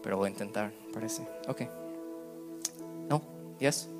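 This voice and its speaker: Over music, a man in his thirties preaches as a pastor, mixing English words into his Spanish. His lowish voice is unhurried, moving between loud outbursts and quiet asides.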